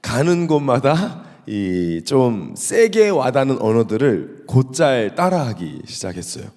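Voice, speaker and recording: Lively pastor with a Gyeongsang accent. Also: male voice, mid-range voice, a little slow. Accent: Gyeongsang Korean. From South Korea. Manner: storytelling, lively and humorous, asks the congregation questions. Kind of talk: sermon. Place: church sanctuary. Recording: echoey church hall.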